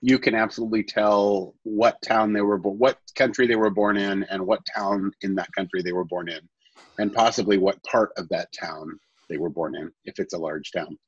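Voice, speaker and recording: A man's voice: on the low side, fairly even intonation, moderate pace, breathy edge, no echo. A man with an Irish accent in casual chat, explaining at length and often restarting his sentences. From Ireland. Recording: dull, lo-fi dry recording.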